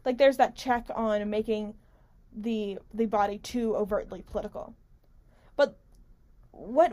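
A woman's voice: a little high, darkish tone. A woman hosting a talk radio show, giving casual, unscripted political commentary in a rambling, conversational way with emphatic stresses and frequent self-interruption. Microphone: studio-style microphone pulled close, with squeaky stand.

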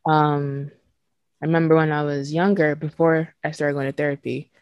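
A woman's voice: deep voice, steady tone, moderate pace, a little mellow, no room sound, dull audio. A woman in her twenties, from Nigeria, talking frankly and emotionally as a podcast host, swearing casually and laughing between thoughts. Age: 20s. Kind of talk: candid podcast conversation.

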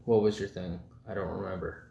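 A man's voice: low-pitched, fairly even intonation, fairly quick, vocal fry, dark tone, dull audio. A man in casual, crude podcast banter who laughs often. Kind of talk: casual chat. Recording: echoey room, faint noise.

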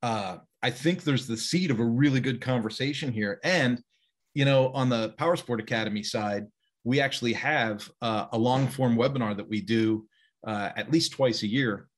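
A man's voice: mid-range voice, moderate pace. A man hosting a podcast interview, chatty and upbeat, wrapping up with a guest. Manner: chatty, laughing, plugs the guest. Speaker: podcast host. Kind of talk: casual interview chat.

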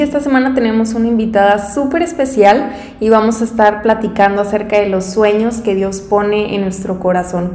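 A woman's voice: mid-range voice, warm tone. A young woman hosting a podcast interview in a casual, chatty style. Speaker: podcast host.

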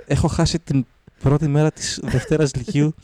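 A man's voice: fairly high pitch, fairly even intonation, mellow. A man co-hosting a podcast, telling a long story in casual chat and often restarting his sentences. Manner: rambling storyteller, many restarts. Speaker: podcast co-host.

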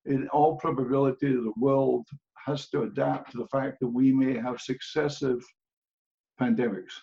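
A man's voice: mid-range voice, steady tone, normal speed, vocal fry, mellow, dull audio. An older man with a Scottish accent, speaking as a guest in a casual podcast interview, blunt and plain-spoken with dry humor. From Scotland.

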